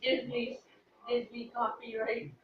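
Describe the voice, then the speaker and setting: A woman's voice: a little high, level tone, takes it slowly. A young woman vlogger with a teasing, playful manner, chatting casually in a home kitchen. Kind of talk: casual joking chat. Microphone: camera mic across the room. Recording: echoey, distant, muffled and noisy.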